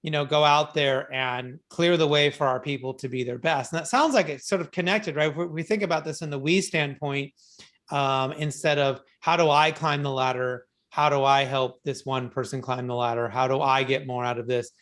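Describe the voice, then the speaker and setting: A man hosting an interview show in casual conversation, feeling his way haltingly through his questions. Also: medium pitch, fairly even intonation, fairly bright tone. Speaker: radio show host and interviewer.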